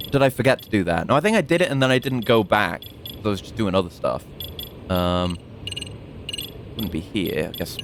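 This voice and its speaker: A man's voice: fairly low pitch, a little hiss or hum. A man giving casual gameplay commentary, thinking aloud in a rambling way. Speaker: video game streamer.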